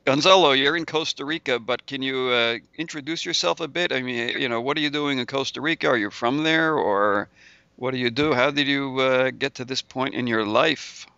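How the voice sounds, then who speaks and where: A male interviewer asks easygoing, encouraging questions in a bright, crisp voice with a gravelly edge. The sound is dry and a little dull, as if from an online call. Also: mid-range voice, normal speed, no echo. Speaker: interviewer, host. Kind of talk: casual interview.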